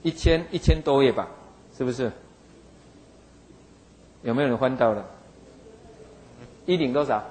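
A man's voice: mid-range voice, unhurried, pauses often, a little mellow, low-quality recording. A man preaching, retelling a Bible story in a folksy way and acting out the figures in it. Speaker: pastor.

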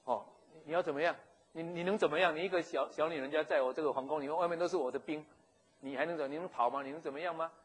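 A man's voice: on the high side, racing, husky. A man voicing a boastful, lecherous ancient Egyptian king, stammering and wheedling. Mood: menacing. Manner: wheedling, stammering, with little chuckles.

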